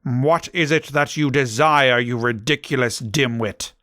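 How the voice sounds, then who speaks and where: Guy doing a snooty cold wizard professor from a story, slow and sneering. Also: mid-range voice, bright, forceful tone, no echo, studio quality. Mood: angry, cold.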